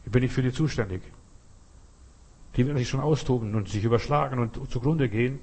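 A fairly quick sermon comes from a man whose mid-range voice is darkish and a bit rough. He aims his words at the listener, asks "you understand?" again and again, and punctuates points with sudden rises.

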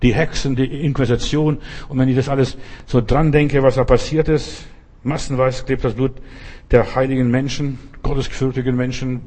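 A man's voice: medium pitch, a little mellow. A man preaching a sermon, emphatic and speaking directly to the listener. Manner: emphatic, talks straight to the listener.

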